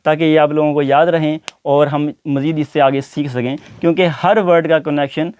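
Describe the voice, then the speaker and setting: A man teaching English pronunciation, saying each example word slowly and repeating it several times. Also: fairly high pitch, steady tone, a little mellow, clean tone, no echo. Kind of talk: explaining pronunciation to learners.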